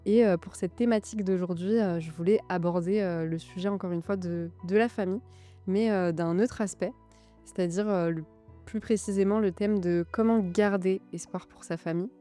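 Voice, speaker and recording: A woman hosts a faith podcast, introducing her guest in a gentle, hesitant way with many fillers. Her voice is mellow and mid-pitched. Faint music plays behind her. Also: steady tone, moderate pace. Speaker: podcast host. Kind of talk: interview hosting.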